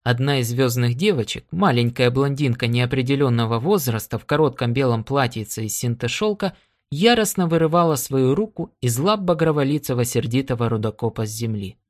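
A man reading an adventure audiobook aloud in steady storytelling narration. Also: mid-range voice, fairly quick. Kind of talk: scripted narration.

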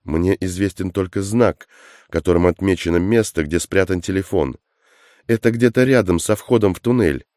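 A man's voice: sits low, moderate pace, darkish tone, no room sound, clean studio sound, natural voice. A man voicing an evasive corporate representative. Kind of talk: audiobook character voice.

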